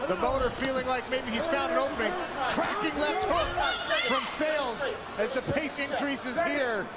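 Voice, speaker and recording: A man's voice: very high-pitched, moderate pace. A man doing live play-by-play commentary on an MMA fight in punchy, emphatic short calls. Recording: loud arena crowd behind the voice. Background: crowd noise.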